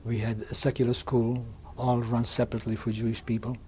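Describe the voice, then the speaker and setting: A man in his sixties from Hungary, giving oral history testimony in a halting way, often restarting and repeating words. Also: medium pitch, flat delivery, warm tone, a little hiss or hum. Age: 60s. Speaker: interviewee.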